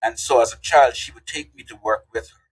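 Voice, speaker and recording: Telling animated, folksy tales during a casual podcast interview, this older Guyanese guest speaks at a medium pitch and a slightly quick pace. There's a breathy edge to his voice, captured on a rough recording.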